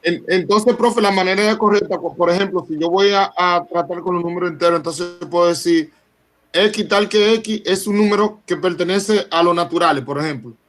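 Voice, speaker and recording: A man's voice: high-pitched, normal speed, fairly bright tone. A male graduate student asking his professor earnest, hesitant questions in an online class. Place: video call meeting.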